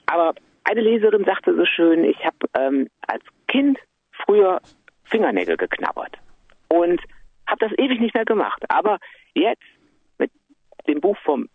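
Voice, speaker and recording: A man joking around as a guest in a casual interview, animated and quick to laugh. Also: high voice, breathy edge, no room sound, phone-quality sound.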